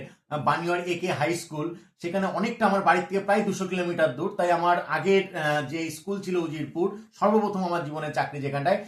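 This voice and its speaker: High-voiced male Bengali teacher, echoey room. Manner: explains patiently, drills sounds by repetition and asks questions. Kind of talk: classroom lecture to camera. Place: room with a bedsheet hung behind.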